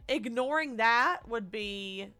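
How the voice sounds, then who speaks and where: A woman's voice: a little high, animated, takes it slowly, pushed and bright, clear, resonant tone, faint music behind. Exasperated ranting woman streamer. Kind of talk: casual live-stream commentary. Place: her living room.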